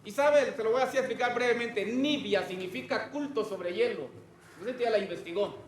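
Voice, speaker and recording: A man's voice: high voice, brisk, reverberant, slight background noise. A man preaching a sermon to a congregation, often stopping to ask them questions.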